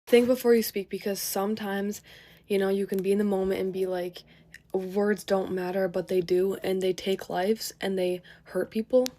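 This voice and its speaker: A young woman in a storytime vlog, animated, laughing and swearing through a rant. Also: mid-range voice, normal speed.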